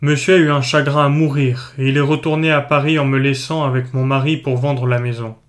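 A man's voice: mid-range voice, little pitch movement, fairly quick, lightly acted. A man reading as a curt old woman servant. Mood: confiding. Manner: dry, clipped replies.

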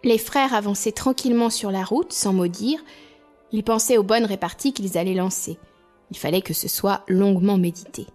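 A woman reading a fairy tale aloud as storyteller, in an expressive, lively way. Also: mid-range voice, moderate pace, soft background music.

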